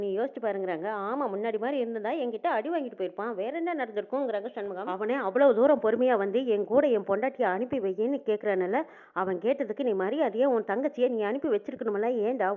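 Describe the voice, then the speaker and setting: A woman's voice: a little high, fast, narrow, tinny audio. A woman narrating a recap of a TV serial episode, quoting each character in turn. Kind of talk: fast scripted recap narration.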